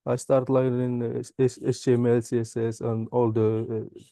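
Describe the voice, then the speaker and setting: Halting, dark-voiced man from Morocco. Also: mid-range voice, flat delivery, dry recording, clean studio sound. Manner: halting non-native English, many "uh" pauses. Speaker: software engineering graduate. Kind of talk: interview answers and product demo.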